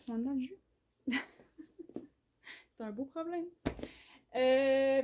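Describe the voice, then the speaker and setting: A woman with a Québécois accent hosting a live clothing sale, chatty, full of fillers and quick laughs. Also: fairly high pitch, mellow. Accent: Québécois French. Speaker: clothing brand host. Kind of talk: live shopping stream. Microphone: phone.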